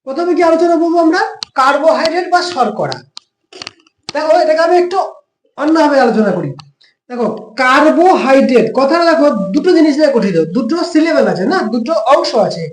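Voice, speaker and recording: Male tutor, West Bengal accent, high voice, patient step-by-step teacher, echoey room. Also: sing-song, a little fast. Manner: explains step by step with frequent rhetorical questions. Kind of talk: classroom lesson explanation.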